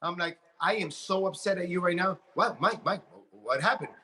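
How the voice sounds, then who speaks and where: A man in his late forties giving an energetic motivational talk about his business, often repeating words as he builds up steam. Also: high voice, normal speed. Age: 40s. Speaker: network marketing leader.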